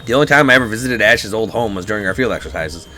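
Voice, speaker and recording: A man's voice: on the low side, lively intonation, very fast, bright, forceful tone, soft background music. A man reading the lines of an earnest young male instructor from a game, speaking carefully.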